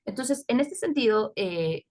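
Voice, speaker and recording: A woman's voice: mid-range voice, animated, measured pace, darkish tone. Spanish-speaking woman teaching astrology. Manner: explanatory, repeats "¿sí?" and "¿no?" to check with listeners; laughs at her own points. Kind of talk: live astrology talk.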